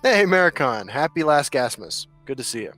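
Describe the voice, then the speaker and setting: A man's voice: medium pitch, sing-song, normal speed, a bit bright, soft background music. A man co-hosting a gaming podcast in loose casual chat, laughing often and swearing freely. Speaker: podcast co-host.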